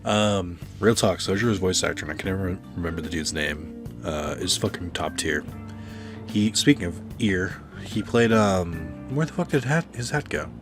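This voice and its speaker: A man's voice: low-pitched, animated, normal speed. A man streaming a video game, giving casual, sweary, opinionated commentary with a sardonic edge. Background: game music.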